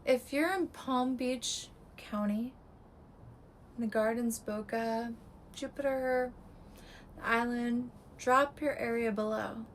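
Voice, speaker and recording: A woman's voice: a little high, steady tone, slow pace, a little hiss or hum, low-quality recording. A woman real estate agent giving a scripted market breakdown in clipped, terse fragments, her voice strained and giving out.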